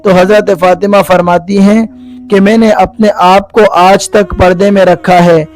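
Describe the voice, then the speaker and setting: A man's voice: high voice, flat delivery, darkish tone, soft background music, rough recording. A man narrating a devotional story in a solemn manner, speaking directly to his viewers. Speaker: religious storyteller.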